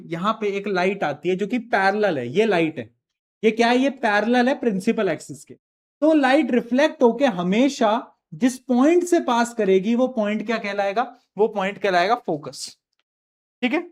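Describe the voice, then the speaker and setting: Man, online teacher, chatty, teasing, mixes in English terms, live class lecture. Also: high voice.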